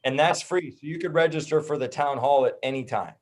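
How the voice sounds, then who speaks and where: In a casual interview chat, an activist group organizer with an American accent speaks briskly in a fairly high voice. As the guest, he keeps things loose and jokey.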